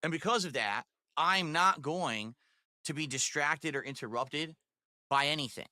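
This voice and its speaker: A man hosting a livestreamed podcast, explaining things to viewers in a deliberate, emphatic way. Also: on the high side, pushed and bright, dry recording. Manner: deliberate, emphatic, checking in with "all right". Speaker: podcast host and streamer.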